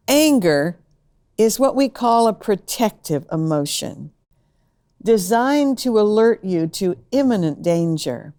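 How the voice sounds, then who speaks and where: A woman specialist giving a measured, scripted explanation. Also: medium pitch, a little mellow. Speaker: brain function specialist and co-host.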